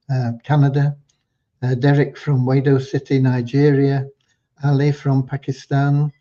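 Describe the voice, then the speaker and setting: An older man hosting a livestream Q&A with a prayer, talking at an unhurried pace with frequent ums and restarts. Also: medium pitch, mellow. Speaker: host of a community livestream. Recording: dull lo-fi livestream audio.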